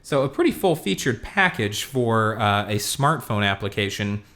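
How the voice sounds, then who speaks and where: Low-ish voiced dude walking thru a gadget demo, lots of uhs, chill. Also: male voice, moderate pace. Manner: relaxed, lots of fillers, talks while demonstrating. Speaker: tech reviewer. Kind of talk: casual product review walkthrough.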